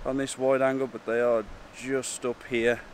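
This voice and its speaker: A man, talking casually and a little hesitantly to camera as a wildlife vlogger, outdoors beside rushing water. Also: mid-range voice, little pitch movement, poor audio. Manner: informal, hesitant and chatty. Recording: outdoor wind, rushing water and traffic noise.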